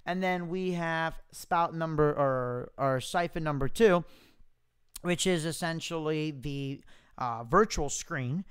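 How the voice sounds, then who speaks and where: Clear-voiced man, casual tech demo. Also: on the high side, slow, fairly bright tone. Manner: informal, thinking aloud. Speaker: software demo presenter. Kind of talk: casual live screen-share tutorial. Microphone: close mic without pop filter, popping plosives.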